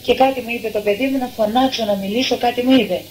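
A woman's voice: on the high side, darkish tone, a little hiss or hum, poor audio. An older woman giving a personal testimony, telling her story earnestly and voicing what others said to her. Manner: earnest, acts out the lines of others. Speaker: testimony giver.

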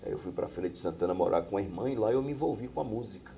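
Speaking as a guest in a small studio, this middle-aged Bahian pastor and singer earnestly recounts his life, often tacking on tag questions. His warm, creaky voice is on the low side, expressive and racing, with a little hiss or hum in the recording.

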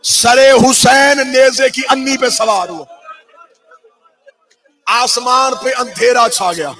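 A man with a Pakistani Urdu accent, a cleric reciting a mourning sermon in a sing-song chant that rises to anguished shouts. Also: very high voice, soft background music. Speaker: cleric reciting masaib at a majlis.

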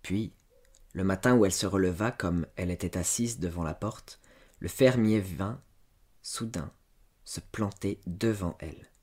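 A man narrating a classic story as an audiobook, measured and subdued. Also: low-pitched, darkish tone, slightly rough. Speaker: audiobook reader.

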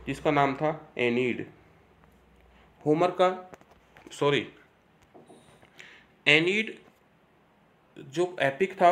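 A man giving an exam-prep literature lecture, reading English lines slowly, explaining them, and asking and answering his own questions. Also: a little high. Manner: reads English lines slowly, then repeats key terms.

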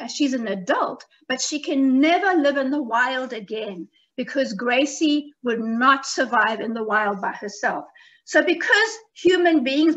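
Lady author talking slow to kids, kind teacher-ish way of explaining, muffled lo-fi audio. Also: high-pitched. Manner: gentle, simple and expressive, like a teacher. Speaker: children's book author. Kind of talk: talk to children.

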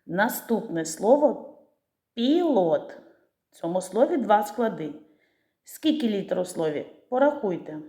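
A woman teacher giving a literacy lesson to young children, pronouncing words slowly and stretching out the syllables. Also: medium pitch, lively intonation, mellow. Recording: echoey room.

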